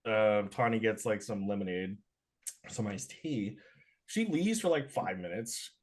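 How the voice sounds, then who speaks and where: A young man co-hosting a podcast, telling a story in a casual, animated rant full of swearing and filler words. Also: on the low side, a little slow. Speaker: podcast co-host.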